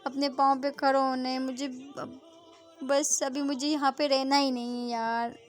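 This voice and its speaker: A moody young college woman, told by a female storyteller, slow and sulky as she complains. The voice sits a little high, with faint music underneath. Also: flat delivery. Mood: complaining.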